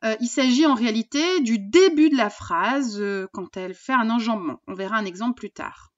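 A woman's voice: a little high, lively intonation, fairly quick, dull audio. Woman teacher explaining poetry patiently. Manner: explanatory, patient, with frequent fillers. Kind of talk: recorded French poetry lesson.

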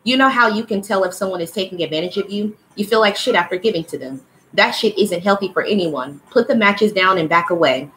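A woman's voice: mid-range voice, fairly quick, fairly bright tone, slight background noise, rough recording. A woman giving a casual, blunt livestream oracle card reading who swears freely and calls her listeners child and y'all. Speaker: spiritual card reader.

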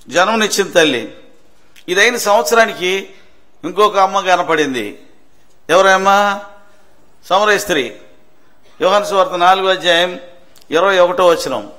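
A man's voice: high voice, expressive, unhurried, long pauses, pushed and bright. A male preacher. He delivers a sermon, asking rhetorical questions, answering them himself, and repeating key phrases for emphasis. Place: church prayer hall.

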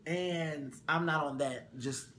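Male co-host, sassy and profane, casual gossip chat, bright tone. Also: fairly high pitch, takes it slowly, slight background noise. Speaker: vlog co-host.

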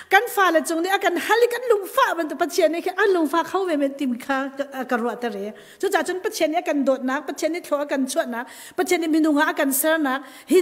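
A woman's voice: high-pitched, long reverb tail. A woman preacher giving a live church sermon with an emphatic delivery that rises and falls. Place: church hall.

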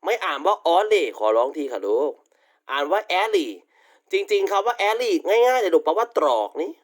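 With a high, sing-song voice and a fairly quick pace, a male university English teacher gives an online vocabulary lecture that was recorded. He repeats polite tag particles and affectionately calls his students "child."

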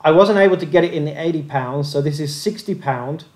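A man's voice: a little high, a little fast, darkish tone. A man hosting a fishing channel, narrating a methodical review of gear tests over slides in a plain-spoken way.

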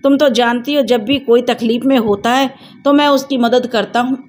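A woman's voice: on the high side, steady tone, moderate pace, a little mellow, slight background noise, natural voice. A woman voicing a brusque young village man who scolds but cares. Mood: gruff.

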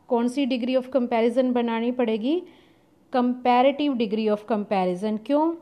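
A woman, patiently explaining a grammar lesson step by step and reading example sentences slowly. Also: a little high, dark tone. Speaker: English teacher.

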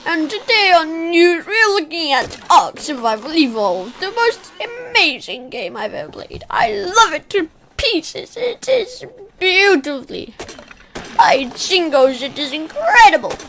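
A woman's voice: very high voice, very animated, unhurried, fairly bright tone, a little hiss or hum, pitched above the performer's own voice, full character voice. A woman putting on a fake English accent to play an overexcited male news presenter. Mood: gushing. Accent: put-on English. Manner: gushing, over-the-top newsreader delivery.

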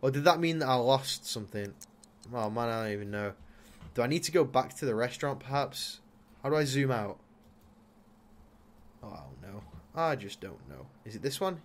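A young man gives loose, joking commentary over a game he is playing. His voice sits at an ordinary mid pitch, and he coaxes his character along with sudden loud outbursts. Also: big pitch swings, moderate pace, slight background noise. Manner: chatty, talks to his Sim, bursts into loud exclamations. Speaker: gaming YouTuber. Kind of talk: casual Let's Play commentary.

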